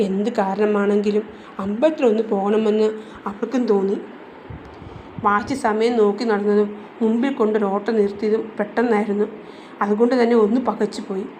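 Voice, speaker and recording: Give me a woman narrating an audio novel in a warm, mellow voice. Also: medium pitch, slight background noise, poor audio. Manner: steady storytelling. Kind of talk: scripted narration.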